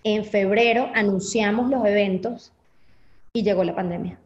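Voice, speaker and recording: A woman's voice: mid-range voice, moderate pace. A young woman with a Venezuelan Spanish accent tells her story candidly as an interview guest. She brings it alive by acting out her own past thoughts. The recording has a roomy echo and a slightly muffled, dull tone. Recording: echoey, slightly dull audio.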